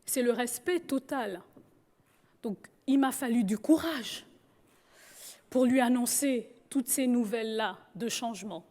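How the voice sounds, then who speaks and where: Woman from Gabon, lively humorous storyteller, high voice. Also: a little slow. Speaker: speaker. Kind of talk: personal storytelling talk.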